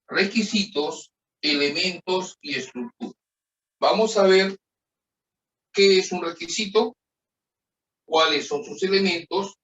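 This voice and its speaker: A man's voice: on the high side, dull audio, slight background noise. Roomy, distant Chilean male teacher. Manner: drills answers in slow, even call-and-response; explains patiently, checking with frequent questions. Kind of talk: online class lesson.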